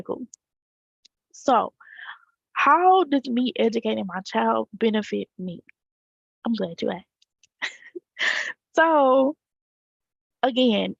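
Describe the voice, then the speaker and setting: A woman's voice: medium pitch, vocal fry, no room sound, highs cut off. A woman teacher, talking casually to parents and checking in with a rhetorical "right?". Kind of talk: casual direct talk to parents.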